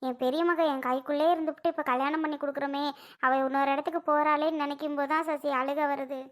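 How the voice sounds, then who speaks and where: Lady playing a worried old village mom, high voice, keeps fretting. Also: fairly even intonation, normal speed, a bit bright. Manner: fretting, lamenting. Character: older village mother, anxious and doting. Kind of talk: cartoon voice acting.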